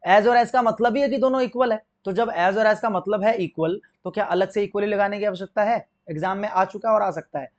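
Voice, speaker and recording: High-voiced Indian man teaching grammar. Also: muffled recording. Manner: explains step by step, asking and answering his own questions; reads example sentences slowly and clearly. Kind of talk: exam-prep grammar lesson.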